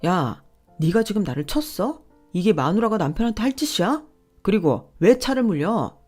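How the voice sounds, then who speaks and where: A greedy, self-important young husband who whines, demands and turns indignant in a Korean drama story, as a woman reader puts him on. The voice sits a little low, with faint music underneath. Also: animated, moderate pace, darkish tone, close to an everyday voice. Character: entitled scheming young husband, man.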